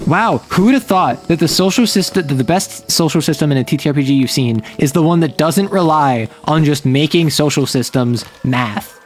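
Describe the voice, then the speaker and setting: Male streamer, a bit high, wry and chatty, stacks quick interjections; soft music underneath. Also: animated. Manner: quick interjections, joking, repeats words. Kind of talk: casual chat.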